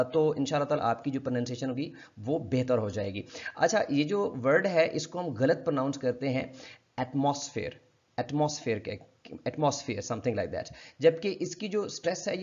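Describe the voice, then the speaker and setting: A Pakistani man with a matching accent teaches English pronunciation in an online lesson, polite and formal, patiently explaining and slowly repeating each word several times. His voice sits on the high side with a darkish, breathy tone, and the audio sounds dull.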